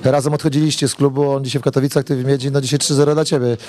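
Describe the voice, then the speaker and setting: A man's voice: medium pitch, flat delivery, very fast, a little mellow. A man asking a footballer post-match questions, stumbling over words with fillers. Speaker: sports reporter.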